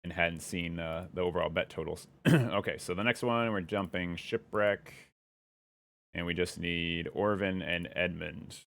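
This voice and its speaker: A young man chatting casually on a live stream, rambling and thinking out loud as he follows his curiosity. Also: deep voice, steady tone, a little slow, creaky.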